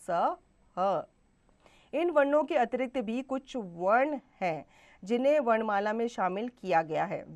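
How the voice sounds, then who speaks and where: Slow, patient woman teaching grammar. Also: medium pitch. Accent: Hindi. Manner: slow, spelling out letters and examples one by one; adds a habitual "theek hai" check. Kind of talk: school grammar lesson.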